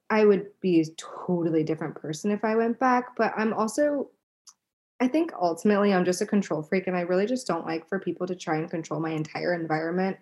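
A young woman talking as a guest on a podcast, chatty and animated, laughing often. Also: lowish voice. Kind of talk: casual chat.

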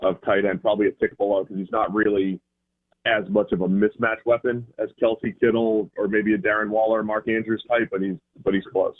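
Dialed into a radio show from elsewhere, a man from the Boston area in the United States gives casual football analysis and keeps rewording his explanations. He sounds low and brisk, with a flat delivery, over a thin guest line.

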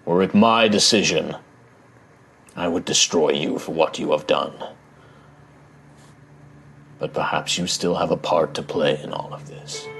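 A man voicing an ancient, solemn giant guardian of metal and stone in tabletop role-play, with a deep rumbling voice and formal, grave speech. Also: a little slow, creaky, pauses often, a bit bright, slightly rough, heavily acted. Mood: stern judgement.

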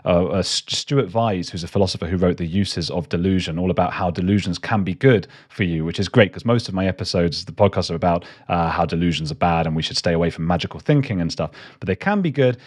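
Very low-voiced man telling stories. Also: fast talker, few pauses, breathy edge. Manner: rambling, self-deprecating, lots of fillers. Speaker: guest, documentary maker. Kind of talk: casual storytelling chat.

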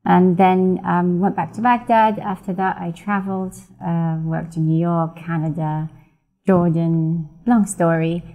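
A woman's voice: fairly low pitch, a little slow, narrow, tinny audio. A woman from Iraq, a guest on a podcast, telling her life story animatedly and acting out past conversations. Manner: animated storytelling, acts out dialogue. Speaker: guest, events founder. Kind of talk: podcast interview.

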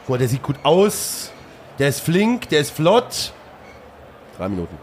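An excitable man hosts a live podcast, joking and exclaiming with a lively, swinging voice. He records in a booth inside a beer tent, with loud crowd noise all around him. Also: fairly high pitch, unhurried. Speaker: podcast host. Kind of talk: casual live podcast banter. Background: noisy crowd ambience.

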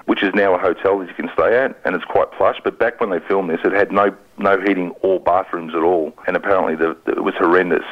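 A man's voice: low voice, narrow, tinny audio. A man casually sharing film trivia as a radio review presenter.

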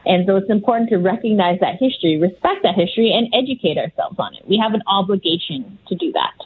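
A woman's voice: mid-range voice, lively intonation, fast, slightly rough, low-quality recording. A woman legal director answering interview questions earnestly, often restarting phrases and searching for words.

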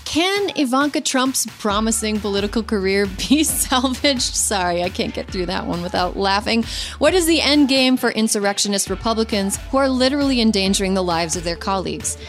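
A woman's voice: medium pitch, a little fast, faint music behind. Wry, sarcastic woman hosting a podcast. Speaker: podcast host. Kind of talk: casual podcast chat.

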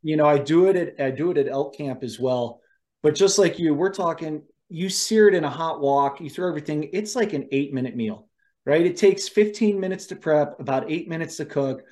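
A man hosting a casual chat, telling animated stories about cooking wild game and laughing often. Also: fairly high pitch, brisk. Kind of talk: casual conversation.

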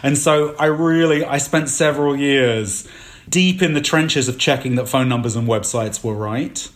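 A man with an American-sounding accent, a guest on a podcast, chatting in a lively, self-mocking way. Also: medium pitch, normal speed. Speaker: contributing editor, podcast guest. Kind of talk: casual podcast chat.

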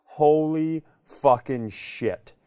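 A middle-aged American man co-hosts a podcast, telling comic stories in casual chat, emphatic and repeating phrases for effect. His slightly high voice is mellow and smooth and moves very slowly. The studio-quality recording has no room sound.

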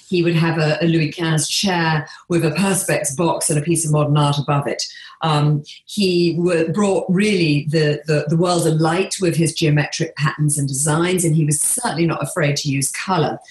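English woman guest, low voice, slow and reflective, roomy echo. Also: steady tone, darkish tone. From England. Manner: measured, with frequent um and restarts. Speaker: interior designer and author being interviewed. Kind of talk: reflective interview talk.

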